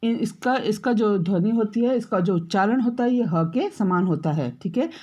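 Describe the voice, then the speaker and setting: A woman teaching a school grammar lesson, explaining step by step, checking in often with her pupils and drawing out example words slowly. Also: medium pitch, lively intonation, warm tone. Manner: drawn-out, slowed example words.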